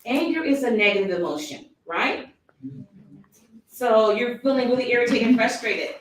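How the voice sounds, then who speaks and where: Animated woman leading a sales team meeting. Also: on the high side, moderate pace, very echoey, recorded from a distance, slight background noise, rough recording. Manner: animated, acts out quoted thoughts, laughs often. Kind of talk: motivational team talk.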